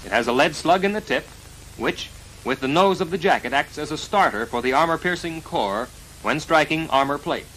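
An American man narrates a 1940s military training film as voice-over on a vintage soundtrack, speaking formally, precisely and at a measured pace. His voice is fairly high, expressive and fairly bright, and the rough recording has slight background noise.

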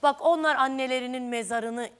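A woman's voice: high-pitched, a little fast, fairly bright tone, clean tone. A woman hosting a daytime talk show, questioning guests and walking them through events step by step in a television studio. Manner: probing, reasoning step by step.

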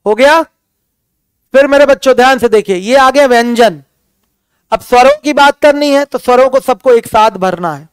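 A male math teacher with a very high, smooth and resonant voice. He keeps calling his students his children and poses questions that he answers right away. The sound is dry and close, with no room echo. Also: moderate pace. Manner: calls students "my children", asks questions and answers them himself. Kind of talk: classroom lecture.

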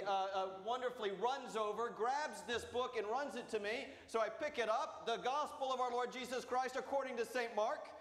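A man, a priest, preaching a storytelling sermon in a booming voice. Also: fairly bright tone. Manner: acts out voices in quoted dialogue. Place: church sanctuary. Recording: roomy church reverb.

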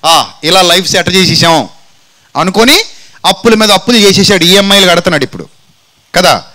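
A man preaching a sermon who asks his listeners questions and answers them himself, acting out people's words in dialogue and dropping to low, slow phrases for effect. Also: animated, bright, forceful tone, low-quality recording.

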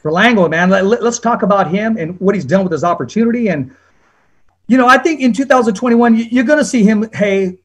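A man's voice: high-pitched, a little fast, husky. A man in his forties hosting a casual sports interview over a video call. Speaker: sports show host. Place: small room indoors with show banner.

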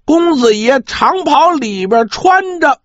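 With a very high voice, this man narrates pingshu in the dramatic traditional manner, unhurried but full of animation. He elongates particles and turns to his audience with rhetorical questions, heard through roomy, slightly muffled audio.

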